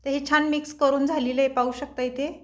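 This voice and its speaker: A woman's voice: sits high, little pitch movement, a little fast. A woman hosting a cooking channel, chatting with viewers as friends while she cooks. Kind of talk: home cooking demonstration.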